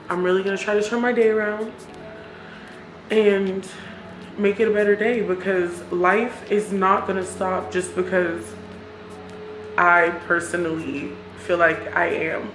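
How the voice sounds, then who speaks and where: Woman, low voice, flat intonation, confessional vlog chat, candid, roomy echo. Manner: candid, reflective, self-encouraging. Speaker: vlogger. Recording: roomy echo with music behind.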